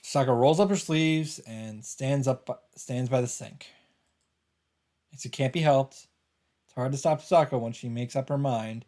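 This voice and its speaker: With faint game music underneath, a man narrates a visual novel for his let's play. His mid-range voice has a darkish tone and moves at a moderate pace.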